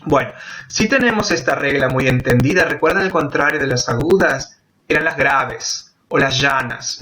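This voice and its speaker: A man teaching a grammar lesson, explaining step by step and slowing down to spell out example words. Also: on the high side, pushed and bright. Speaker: Spanish teacher. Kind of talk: grammar lesson for Portuguese speakers.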